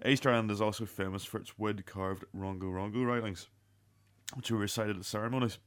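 A man reading out scripted narration as a radio show host, in a halting delivery that sometimes stumbles. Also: lowish voice.

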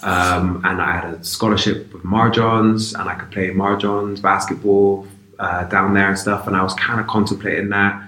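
Male interview guest from Bristol, low forceful voice, casual and reflective. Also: level tone, moderate pace. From Bristol, England. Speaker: basketball player, interview guest. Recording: roomy, echoey sound.

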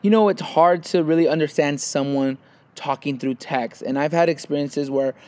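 A young man with a slightly high voice speaks at a moderate pace as co-host of a laid-back chat podcast. He tells stories with lots of energy and acts out what people said.

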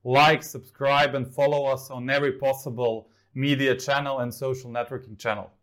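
A man from Serbia, a sports journalist co-hosting a casual talk show, speaking in a measured, analytical way with frequent fillers. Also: mid-range voice, flat delivery, a bit bright.

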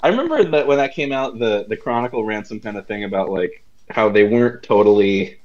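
A man's voice: lowish voice, animated, fairly quick, darkish tone, lo-fi sound. A man co-hosting a casual podcast chat, rambling with lots of "like" and "you know" fillers. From United States.

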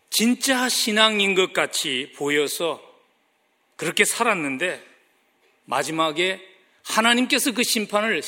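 A man's voice: sits high, bright, forceful tone. A man preaching a sermon as pastor, speaking earnestly and rising in emphasis on key phrases.

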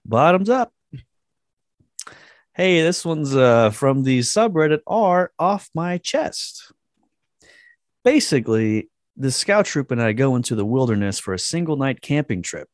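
A man's voice: medium pitch, sing-song, a little slow, long pauses, dry recording, clean studio sound. Crude joking man reading a post. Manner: crude joking, laughing often. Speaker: podcast co-host. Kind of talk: casual chat, reading a post aloud.

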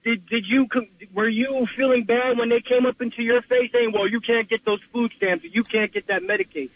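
High-voiced man ranting as a radio caller. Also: no echo. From New York. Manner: impassioned, rambling rant with many restarts. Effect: caller heard over a phone line. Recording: muffled lo-fi phone line.

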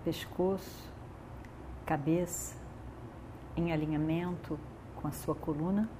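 A woman guides a meditation in a soothing, calm manner, leaving long pauses between short phrases. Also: deep voice, background noise.

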